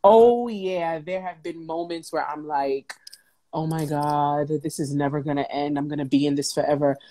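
A woman in her thirties, a talk show host and entrepreneur, appears as a motivational interview guest on a video call from home. Her low voice moves at a moderate pace over slight background noise, picked up by wired earbuds. She's animated, emphatic and conversational.

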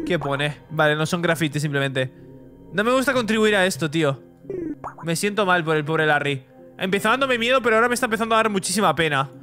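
Young gamer, high bright voice, chatty let's-play commentary. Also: male voice. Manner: chatty, reads game text aloud. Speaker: gaming YouTuber.

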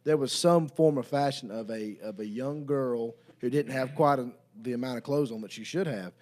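An earnest, plain-spoken man speaks into a desk microphone. His voice sits at an ordinary middle pitch, and his talk stays casual and direct. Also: normal speed, darkish tone. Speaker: podcast co-host. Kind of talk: casual chat. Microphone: desk mic on a stand.

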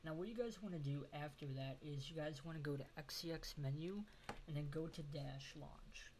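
A man's voice: on the high side, normal speed. A man giving a casual, hesitant tech tutorial, sounding nasal and stuffed up, as with a broken nose. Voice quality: nasal, congested as after nose surgery. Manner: hesitant, informal explaining. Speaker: tutorial host. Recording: noisy home screen recording.

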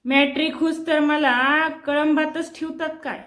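A woman narrating a story aloud in an expressive, dramatic reading style. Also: high voice, measured pace.

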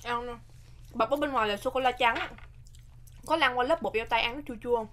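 Young southern vietnamese girl, highish voice, jokey snack review chat, bit of noise and clicks behind. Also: fairly quick, fairly bright tone. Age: young adult. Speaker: snack tasting show co-host. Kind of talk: casual mukbang chat. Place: small indoor set with curtained backdrop.

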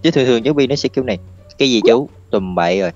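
Fast-talking teasing man gaming. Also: mid-range voice, animated, muffled recording. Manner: teasing, exasperated, laughs often. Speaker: gaming partner. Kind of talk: casual banter while gaming. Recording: loud game music behind.

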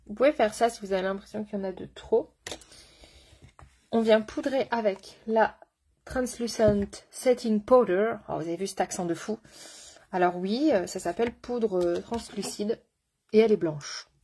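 A woman's voice: mid-range voice, fairly quick, warm tone, slightly rough. A woman makeup artist giving a live makeup tutorial, chatty and slangy, greeting her viewers with pet names. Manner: slangy, enthusiastic.

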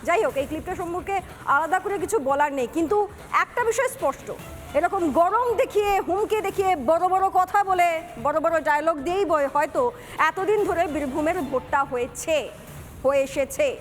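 A woman's voice: extremely high pitch, fairly quick, soft background music. A woman anchoring a news program with pointed, sarcastic commentary.

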